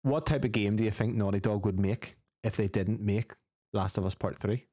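A man's voice: fairly low pitch, moderate pace, mellow, no echo, clean studio sound. A man co-hosting a gaming podcast who chats casually, gives strong opinions, swears freely and reads out news items. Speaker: podcast co-host.

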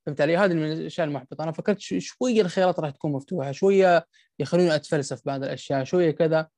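Man, gaming podcast co-host, gravelly and fast, blunt complaints, dry close sound. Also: on the high side, a little mellow, no echo. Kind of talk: casual gaming podcast chat.

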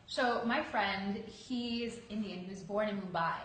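Chatty woman guest, candid, just talking it out, bit of room echo, middle pitch. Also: measured pace, fairly bright tone. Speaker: guest actress. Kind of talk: casual interview chat. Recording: echoey room.

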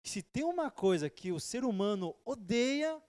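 Preacher, male, fairly high voice, short phrases with pauses for the interpreter. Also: very animated, darkish tone, in a large hall. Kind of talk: sermon with live interpretation. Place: church hall with a projector.

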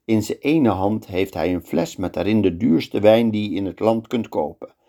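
A man's voice: on the low side, creaky. A man telling a fairy tale aloud. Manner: slow and lively storytelling. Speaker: storyteller.

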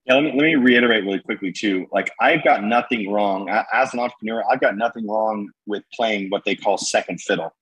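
Young male guest, husky and energetic, rambling casual delivery. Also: on the low side, fairly quick, hardly any pauses, poor audio. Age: young adult. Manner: energetic, rambling with many fillers and slang. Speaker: guest entrepreneur. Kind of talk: podcast conversation.

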